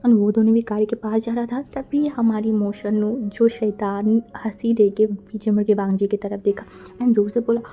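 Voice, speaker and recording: Brief: woman storyteller, chatty and lively, very dark mellow tone, faint music under. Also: mid-range voice, normal speed. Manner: chatty, mixes English words into Hindi, lively voices for characters. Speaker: fan fiction narrator. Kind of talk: casual storytelling narration.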